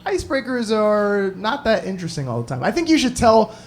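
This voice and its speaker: A male stand-up comedian telling a story into a handheld mic on a club stage. His pitch leaps around and builds to shouted punchlines. The live recording is noisy. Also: sing-song, brisk.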